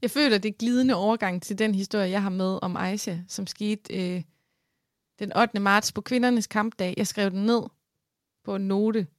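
A woman's voice: mid-range voice, fairly even intonation, dry recording, clean studio sound. A woman in her thirties, a podcast co-host, telling funny stories in casual chat and laughing often.

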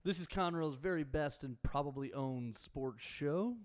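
A man's voice: a little high, a little slow. Joking man hosting a sports radio show. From Houston area, Texas. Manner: joking, loose banter with asides. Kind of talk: casual sports radio chat.

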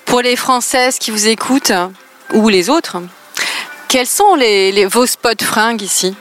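A woman hosting a relaxed group conversation, asking the guests short curious questions. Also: on the high side, unhurried, faint music behind. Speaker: show host. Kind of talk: casual chat.

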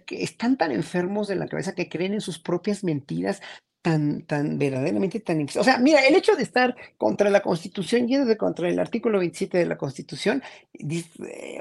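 Creaky-voiced indignant Mexican man. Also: high voice, darkish tone. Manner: indignant, rambling, with many restarts. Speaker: regular panelist. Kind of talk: animated panel commentary.

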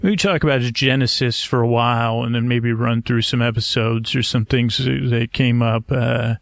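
A podcast host delivers a rambling bedtime monologue meant to help listeners sleep, halting and digressive, often interrupting himself and trailing off. His medium-pitched voice has a gravelly creak and fairly even intonation, recorded clean in a studio with no room sound.

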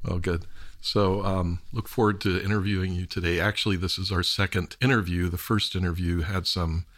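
A man hosting a podcast interview, introducing his guest in a halting way with many fillers. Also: low-pitched, fairly even intonation, a bit bright. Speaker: podcast host.

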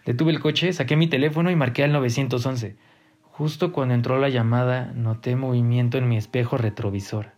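A man narrating a first-person horror story in a tense, dramatic way, his voice rising in pitch at key moments. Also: fairly even intonation, brisk, darkish tone. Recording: faint music behind the voice.

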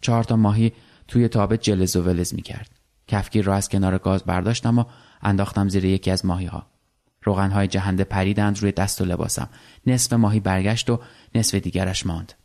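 A man calmly reading a literary short story aloud in the first person. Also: deep voice.

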